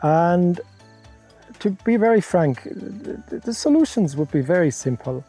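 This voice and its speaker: A man's voice: high voice, expressive, measured pace, dark tone, husky, faint music behind. A middle-aged man from Europe, founder of a conservation center, answering interview questions frankly and laying out worked examples.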